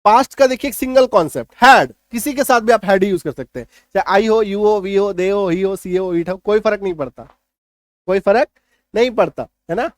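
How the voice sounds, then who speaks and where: A man teaching English vocabulary in a patient, step-by-step way, stopping often to check understanding. His voice sits high for a man. The sound is dry and close, with no room around it. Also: normal speed, dry recording. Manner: patient explaining, repeats checks like "clear?". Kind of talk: Hindi-language English vocabulary lesson.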